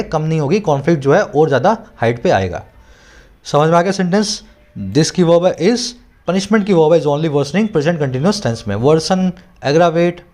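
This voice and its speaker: A man's voice: a little high, a little mellow. A man teaching English, explaining a newspaper editorial in Hindi with English terms and an Indian English accent, often checking that the learner understands. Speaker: English tutor.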